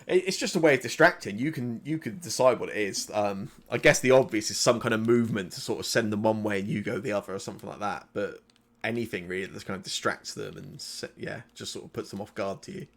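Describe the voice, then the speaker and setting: A man's voice: lowish voice, fast talker, creaky. A man narrating as game master of a tabletop game, in a rambling, self-correcting way, speaking into a desk microphone at home.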